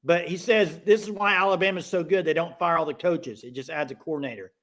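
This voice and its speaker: A man's voice: fairly high pitch, fast, a bit bright. A man hosting a casual live sports call-in show, talking conversationally to callers and viewers.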